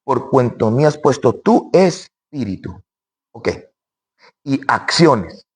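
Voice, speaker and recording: A man preaching a sermon, animated, swinging between loud high exclamations and quiet low asides, acting out imagined objections. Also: slow pace, breathy edge. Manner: acts out imagined objections in dialogue.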